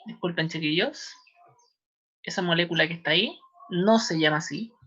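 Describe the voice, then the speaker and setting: A woman with a Chilean accent teaches an online chemistry class. She talks patiently and spells terms out slowly for her students. The audio is a little dull and lo-fi. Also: fairly low pitch, a bit bright. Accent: Chilean Spanish. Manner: patient, repeats names slowly, addresses students.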